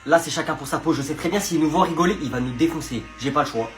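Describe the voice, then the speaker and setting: A man acting in a comedy sketch, talking in an animated, playful, conspiratorial way. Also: on the high side, fast, soft background music.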